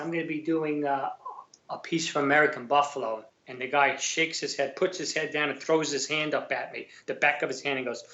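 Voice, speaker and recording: A man's voice: a little high, fairly bright tone. A middle-aged man with a Brooklyn accent, telling colloquial anecdotes casually and acting out bits of quoted dialogue. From Brooklyn, New York. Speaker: podcast guest, actor and former police officer. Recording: roomy, slightly dull remote audio.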